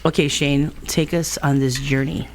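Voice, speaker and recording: A woman, hosting a casual podcast chat and getting excitable and laughing as she eats. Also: extremely low pitch, normal speed, a crowd in the background. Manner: excitable, laughing while eating. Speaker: podcast host. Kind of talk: casual chat over a food tasting.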